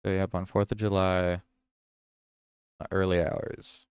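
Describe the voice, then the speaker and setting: A man hosting a casual livestream reads news headlines aloud, stopping to react and correct himself. His voice sits low and moves at an unhurried pace. The sound is crisp, close and dry, with no room around it. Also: level tone, a little mellow, no room sound. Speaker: livestream host.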